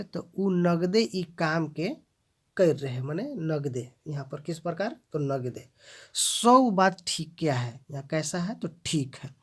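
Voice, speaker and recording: A teacher reading and explaining example sentences. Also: mid-range voice. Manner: reads each example sentence aloud, then translates and explains it; addresses viewers as friends. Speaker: language teacher. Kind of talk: explaining grammar in a video lesson.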